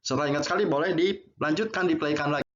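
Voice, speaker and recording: A man teaches a vocabulary lesson. He reads word pairs aloud and coaches students to pause and memorize. His voice sits a little high for a man, and the recording sounds slightly muffled and dull. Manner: repeats words and explains, adds "ya" to phrases. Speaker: English teacher.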